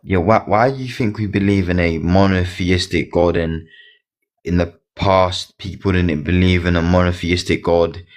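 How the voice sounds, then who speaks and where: Here is a man with a very low, deep voice, chatting casually on a live stream. He talks in a halting way, repeating words and restarting his sentences. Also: steady tone. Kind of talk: casual chat.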